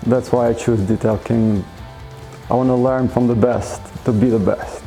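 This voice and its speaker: A man from New York who runs a cleaning business gives a steady testimonial. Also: mid-range voice, moderate pace, gravelly, soft background music. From Staten Island, New York. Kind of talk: testimonial interview.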